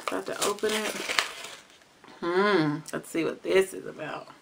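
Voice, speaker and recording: A woman from the US South with a Southern accent, chatting casually and slangily in a taste-test vlog and growing excited as she reacts. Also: mid-range voice, slight background noise. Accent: Southern American. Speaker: vlogger.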